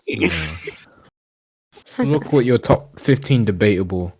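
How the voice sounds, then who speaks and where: A young man, hosting a casual podcast chat in a calm, laid-back way. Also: mid-range voice, takes it slowly, crowd noise. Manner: laid-back, wraps up with a calm put-on radio voice. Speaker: podcast host.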